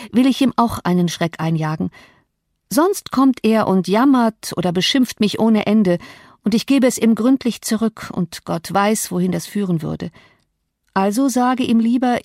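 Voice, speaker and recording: A proud, volatile young woman, voiced by a woman reader, snaps in a cutting, imperious tone, pitched noticeably higher than a plain reading voice. The audiobook recording is dry and close, with no room sound. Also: a little mellow, no echo, close to an everyday voice. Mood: agitated.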